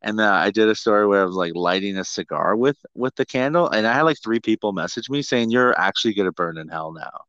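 A middle-aged man tells casual, comic stories as a podcast host, his pitch swinging widely. He is sweary and self-mocking. The recording is dry and slightly dull. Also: animated, fast, few pauses, fairly bright tone, clean tone, dry recording.

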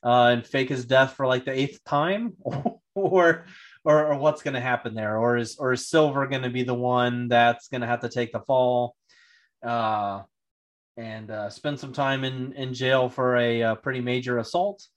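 A man speaking to camera in a relaxed vlog style, thinking aloud. His speech wanders, full of fillers and restarts. His voice sits at an ordinary middle pitch. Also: measured pace. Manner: rambling, hesitant, many fillers and restarts. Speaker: YouTuber reviewing a TV series. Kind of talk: casual spoken vlog commentary.

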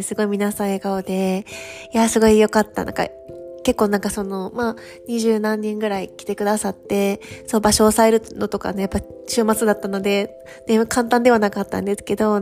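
A woman's voice: medium pitch, a little mellow. A woman hosting a solo podcast as a coach, chatting to her listeners in a conversational, encouraging way. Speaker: podcast host and France study-abroad career coach.

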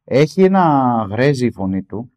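Brief: male podcast co-host, casual film chat, halting delivery with frequent fillers, pitch that jumps up often, mid-range voice. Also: sing-song, darkish tone.

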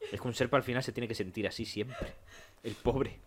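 A man's voice: medium pitch, fairly even intonation, fairly quick, a little hiss or hum. A man in a casual chat, making wry jokes and swearing casually. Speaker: podcast co-host.

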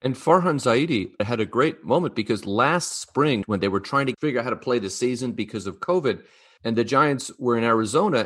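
Man with a bit of a husky voice telling a story on a panel, gets animated. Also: mid-range voice. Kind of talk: storytelling in discussion.

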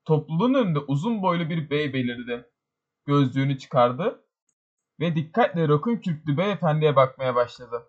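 Bir hikâyeyi canlı bir anlatımla okuyan bir erkek sesli kitap okuyucusu. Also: male voice, on the high side, normal speed, lo-fi sound. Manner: expressive storytelling. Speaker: audiobook narrator. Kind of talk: scripted narration.

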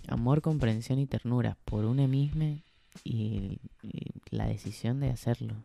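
Gravelly man, gentle reflective talk. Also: medium pitch. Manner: gentle, unhurried, encouraging. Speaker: podcast host. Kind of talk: reflective casual monologue.

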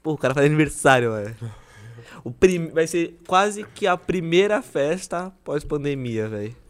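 A man's voice: fairly high pitch, expressive, moderate pace. A man co-hosting a casual chat, slangy and swearing, laughing often. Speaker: podcast co-host.

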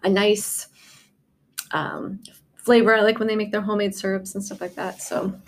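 A woman's voice: medium pitch, little pitch movement, moderate pace. A woman, co-hosting a podcast in casual, rambling chat full of fillers and restarts. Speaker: podcast co-host.

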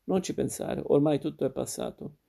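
A man's voice: on the high side, normal speed, gravelly, mellow. A man voicing a friendly male companion who soothes and coaxes in a storybook reading. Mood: coaxing. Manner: soothing, persuasive.

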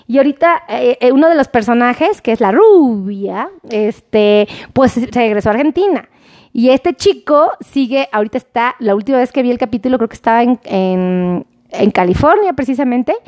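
A high-pitched woman with a Mexican accent, a doctor hosting a live stream. She chats casually and affectionately, reads out viewer comments and greets each person by name, close to the mic. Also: animated, normal speed, darkish tone. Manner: chatty and affectionate, sends greetings and kisses by name.

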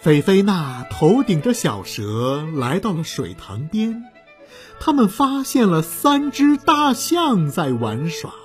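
A woman narrating a children's story slowly and expressively. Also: on the low side. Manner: slow, expressive, gentle. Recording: soft violin music behind.

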